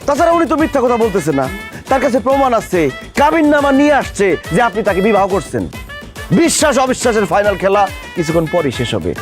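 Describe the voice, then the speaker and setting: Man playing a bossy son-in-law, fast, high, music behind. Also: big pitch swings. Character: bossy young son-in-law, village watchman. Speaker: actor. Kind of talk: village comedy skit acting.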